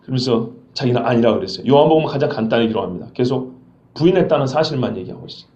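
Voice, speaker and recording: This male pastor has a mellow, mid-range voice and races through an expressive expository sermon, acting out scenes and testing his congregation with questions. He's in a church sanctuary, captured in a roomy, dull recording.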